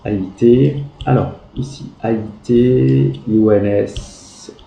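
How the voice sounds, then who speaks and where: Slow, gravelly-voiced teacher spelling out letters. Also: male voice, medium pitch, steady tone. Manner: spells out letters, slow and patient, gentle praise. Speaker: primary school teacher. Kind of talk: correcting pupils' written exercises aloud. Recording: echoey room with faint background noise.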